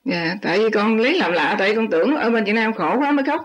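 A woman's voice: medium pitch, animated, fast talker. A woman meditation student asking her teacher questions in a deferential, hesitant way. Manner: deferential, hesitant, many polite affirmations. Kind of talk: polite questioning, respectful address. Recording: dull lo-fi recording.

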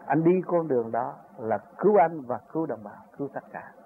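An older man gives an earnest, rambling spiritual talk about his own journey, building to emphatic peaks. His mid-range voice is animated and a little fast, captured on a tinny, phone-like recording with faint noise.

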